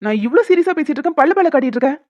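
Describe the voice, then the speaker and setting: A woman's voice: high voice, expressive, darkish tone, no echo. A woman voicing a hot-tempered young man, an elder brother who rants indignantly in a cartoon. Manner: indignant, fast and blustery. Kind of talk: cartoon voice acting. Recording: dull lo-fi dry recording.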